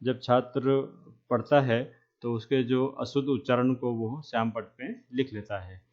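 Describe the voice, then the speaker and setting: A man lecturing trainee teachers, speaking slowly and repeating key terms, with frequent checks that the class is following. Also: mid-range voice, steady tone, highs cut off. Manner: asks "है ना?" to check understanding.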